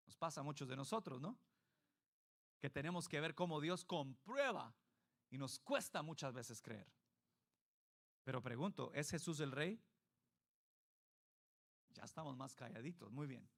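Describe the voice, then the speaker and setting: Pastor guy preaching, high-ish voice, keeps asking the church questions. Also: sharp tone. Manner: questions the congregation directly; emphatic, varied delivery. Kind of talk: sermon.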